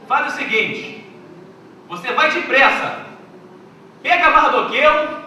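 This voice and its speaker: A man's voice: very high voice, lively intonation, takes it slowly, pushed and bright, recorded from a distance, slight background noise, voice pushed up, heavily acted. A man voicing a commanding ancient king, heard from afar in an echoey hall.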